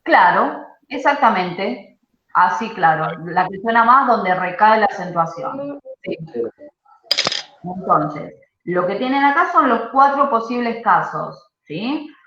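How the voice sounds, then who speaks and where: A woman teaching an English grammar class online, explaining patiently and often checking in with a quick "¿sí?". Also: medium pitch, lively intonation, fairly bright tone, a little hiss or hum. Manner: explanatory, checks understanding with frequent "¿sí?". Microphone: video call. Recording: muffled roomy video-call audio.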